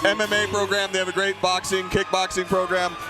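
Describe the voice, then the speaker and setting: A man giving live kickboxing commentary in a conversational, excitable way. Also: sits high, a little fast, music in the background, a crowd in the background. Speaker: fight commentator.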